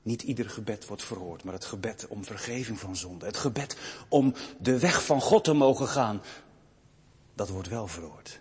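A young man preaches, with a deeply husky, breathy voice. He drops to hushed, slow passages, then swells into loud, fervent rises. Every word rings with the long reverb of a church hall. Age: young adult. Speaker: pastor. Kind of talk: sermon.

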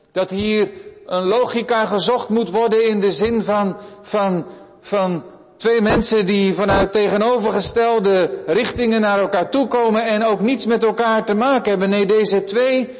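A man preaching a sermon to his congregation, earnest, often dropping to a hushed delivery. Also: high voice. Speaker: pastor. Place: church. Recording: long reverb of a large church.

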